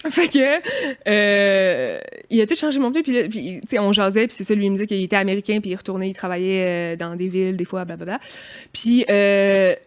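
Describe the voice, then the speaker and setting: A woman with a Québécois accent, co-hosting a podcast and telling a story in a casual, animated way, mimicking noises as she goes. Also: mid-range voice, a little fast, smooth. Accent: Québécois French. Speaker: podcast co-host.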